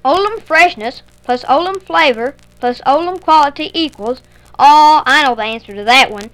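A woman doing a squeaky eager schoolboy. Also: moderate pace, a bit bright. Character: eager young schoolboy pupil, know-it-all. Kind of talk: 1950s radio commercial acting. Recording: dull old acetate disc recording.

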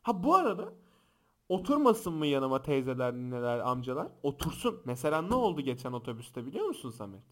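A young man hosting a podcast, telling funny stories and acting out the shouting people in them. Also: medium pitch, a little fast. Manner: animated, acts out quoted shouts and voices. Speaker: podcast host. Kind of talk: casual podcast storytelling. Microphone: close podcast microphone.

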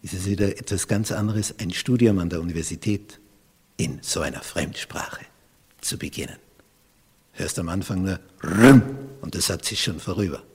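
A man with an Austrian accent preaching a sermon as pastor, swinging from loud emphatic peaks down to hushed near-whispers. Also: sits low, moderate pace, husky, long reverb tail.

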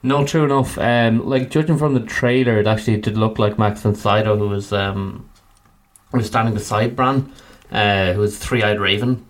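Low west of Ireland man, podcast chat. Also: fairly even intonation, normal speed. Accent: west of Ireland, Galway. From Galway, Ireland. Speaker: podcast co-host. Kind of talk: casual fan podcast chat.

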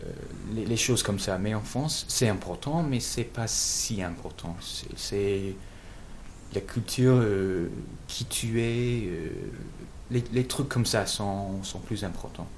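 Un homme venu d'Angleterre, de langue maternelle anglaise, qui répond en interview d'un ton hésitant en cherchant ses mots. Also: male voice, fairly low pitch, slight background noise. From England. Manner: halting, searching for words. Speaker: guest. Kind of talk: interview answers.

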